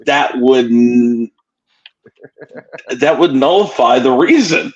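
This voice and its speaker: A man's voice: medium pitch, lively intonation, slow pace, dull audio. A man casually hosting an online round table, steering the chat between guests.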